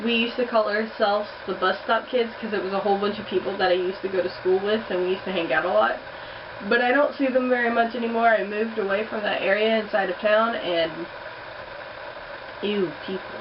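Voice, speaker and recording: A young vlogger with a steady, mid-range voice talks fairly quickly and bluntly, dropping the occasional swear word, in a casual accent challenge vlog. Heater noise accompanies the distant, muffled home recording.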